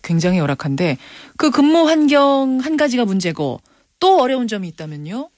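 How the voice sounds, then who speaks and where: A woman's voice: on the high side, sing-song, fairly quick, darkish tone, no room sound, clean studio sound. A woman radio news host interviewing in an inquisitive, emphatic manner. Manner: inquisitive, emphatic, reacting with surprise. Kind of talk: broadcast interviewing.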